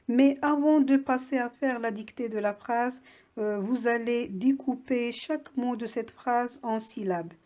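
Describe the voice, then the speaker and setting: A woman teaching a children's reading lesson in a slow, deliberate voice. She sits a little high in pitch and lays out each word patiently, breaking it into syllables for young pupils. It sounds like a voice-over. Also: warm tone. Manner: patient, clearly spelled-out words for young children. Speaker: primary school teacher. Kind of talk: slow classroom lesson read-aloud.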